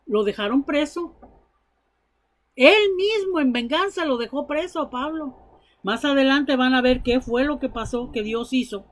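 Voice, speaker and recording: Her voice is high and expressive, moving at a measured pace. She is a woman preacher giving a sermon, recounting Bible stories and her own testimony with earnest emphasis.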